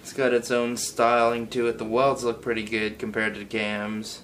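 A man's voice: medium pitch, little pitch movement, normal speed, fairly bright tone. A young man giving a casual product review in an informal, loose, self-correcting way, recorded indoors by a camera a few feet away. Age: young adult. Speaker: hookah reviewer. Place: garage workshop, indoors. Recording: faint background room noise.

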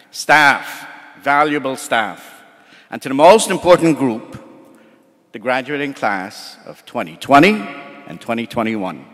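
A man's voice: medium pitch, a bit bright. A man giving an upbeat commencement address as campus chancellor, speaking directly to the audience from a podium. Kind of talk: formal speech with audience engagement. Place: large auditorium stage. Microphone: podium microphone. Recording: long hall reverb with crowd.

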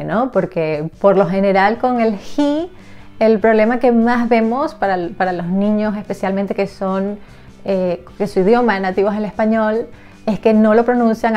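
A woman teacher talks casually to camera, lively and animated, sometimes acting out sounds and small children's voices. Her pitch sits in an ordinary middle range, and faint music plays softly behind her. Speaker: English teacher for young children. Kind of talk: casual explanatory lesson to camera.

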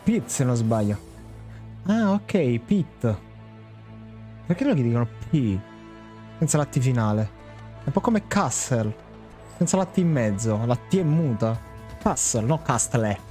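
A man's voice: mid-range voice, very animated, unhurried, long pauses, dark tone. A young man playfully commenting on a live game stream, chatting casually and reading dialogue aloud. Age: young adult. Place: indoor room. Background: game music.

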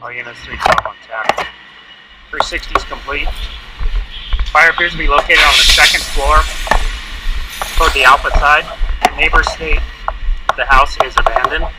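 A man's voice: fairly high pitch, normal speed, long pauses. A man giving an urgent, procedural firefighter size-up report over the radio. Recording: distant radio under loud music.

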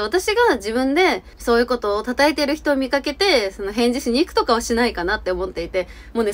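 Young woman, high, lively, fast-talking YouTuber. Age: 20s. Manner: earnest, rambling, softening opinions. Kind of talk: casual opinion talk to camera. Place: small indoor room with curtain backdrop.

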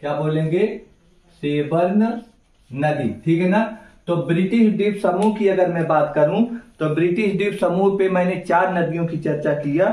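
A man's voice: high voice, darkish tone. Man, teacher, drills names with questions, far from the mic, roomy echo. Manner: slow, repeats names and quizzes the class. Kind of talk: exam-prep lecture at a map. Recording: echoey room, voice from far off.

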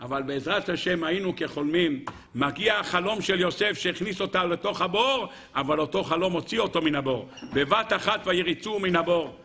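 A man giving a Torah sermon as a rabbi, emphatic, asking the audience rhetorical questions and swinging between a raised voice and a low one. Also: pushed and bright, slight background noise.

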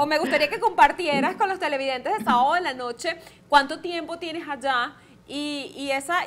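A woman hosts a TV interview, her voice pitched high. She asks her question haltingly, repeating words and fillers as she goes. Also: fairly bright tone. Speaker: TV host, interviewer.

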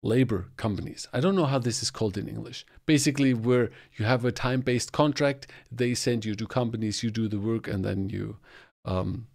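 Man, forties, solo podcast host. Mid-pitched and explanatory. Close boom mic in a small home studio. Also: a little fast, creaky, a little mellow. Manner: explanatory, talks with his hands. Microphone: podcast mic on boom arm, close.

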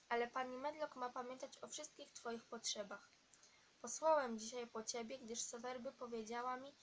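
A woman reading the part of a sad, sickly middle-aged man who speaks in a tired, gentle, distant way in a storybook recording. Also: on the high side, slight background noise, natural voice. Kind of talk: audiobook character reading.

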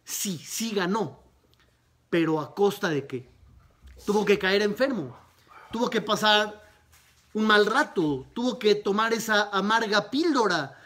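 A man, a rabbi, teaching a Talmud lesson, retelling a story with lively narration and rhetorical questions. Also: sits high, a little slow, pauses often.

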